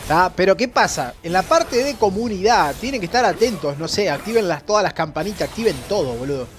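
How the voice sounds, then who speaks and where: A young man with a Rioplatense Spanish accent doing live gameplay commentary as a streamer, excitable and slangy, often repeating himself. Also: sits high, fairly quick, a little hiss or hum. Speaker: gaming streamer.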